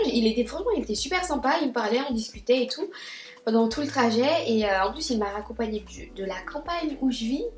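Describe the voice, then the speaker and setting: A young woman tells a story to camera in a casual vlog. She talks in a chatty, animated way, stumbling over fillers and restarts, and her voice sits a bit on the high side. The room around her gives a clear echo. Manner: chatty and animated, many fillers and restarts, acts out her own quoted lines. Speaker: beauty vlogger telling a story. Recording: echoey room.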